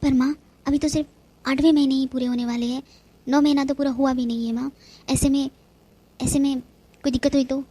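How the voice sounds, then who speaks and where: A woman's voice: high voice, flat delivery, fairly quick, long pauses, mellow, lightly acted. A woman voicing an anxious, earnest young husband and new father in a cartoon. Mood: worried. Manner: worried, earnest. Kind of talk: cartoon voice acting.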